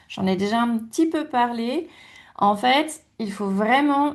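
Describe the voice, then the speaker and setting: A woman giving a German lesson, repeating words slowly and clearly for the learner. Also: fairly high pitch. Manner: slow, careful pronunciation drills. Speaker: German teacher. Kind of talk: language lesson.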